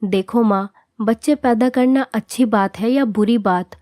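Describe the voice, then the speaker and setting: A woman voicing a calm young wife reasoning. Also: on the high side, measured pace, no echo, clean studio sound, lightly acted. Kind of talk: storybook narration.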